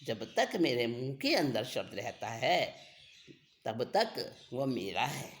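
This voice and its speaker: Spiritual teacher, scriptural discourse: unhurried, pitch rising and falling widely, repeats key phrases. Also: very animated. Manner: deliberate, repeats phrases for emphasis.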